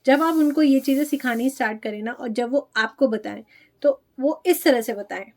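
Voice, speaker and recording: A woman's voice: high voice, a little mellow. A woman teaching phonics to parents of young children, carefully sounding out each letter. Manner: slow, drawn-out demonstration of letter sounds. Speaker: pre-primary teacher.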